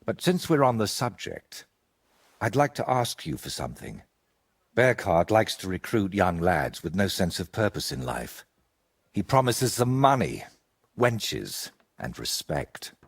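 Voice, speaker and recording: A low, husky older man gives a full character voice as a troubled medieval painter in video game dialogue. At a measured pace and with big swings in pitch, he sounds earnest and haunted, weighed down by guilt and desperation.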